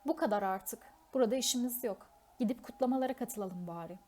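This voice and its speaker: A wise old male wizard, played by a woman reading aloud talks in a calm, measured way. The voice stays fairly high and unhurried, like a gentle storybook elder. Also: natural voice.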